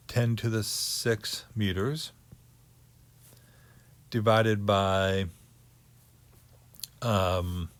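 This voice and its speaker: Slow-talking man teaching physics. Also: lowish voice, no room sound. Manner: slow, thinking aloud with many pauses and fillers. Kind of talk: physics lecture.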